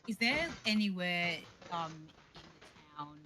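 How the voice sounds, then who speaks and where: A woman playing in a tabletop game, speaking haltingly with many fillers. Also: lowish voice, animated, background noise. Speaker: player. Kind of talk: casual tabletop game play.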